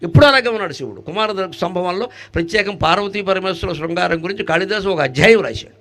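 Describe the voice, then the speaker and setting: A man giving a devotional discourse, joking, asking rhetorical questions and chanting Sanskrit verses, swinging between loud bursts and soft asides. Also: high-pitched, expressive, fast talker. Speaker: spiritual discourse speaker.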